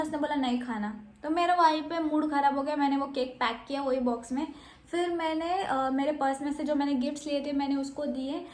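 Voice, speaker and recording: A young woman with a high voice tells a story from her own life in a chatty vlog. She slips English words into her speech and acts out what others said in changed voices. The room adds a noticeable echo. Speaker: vlogger.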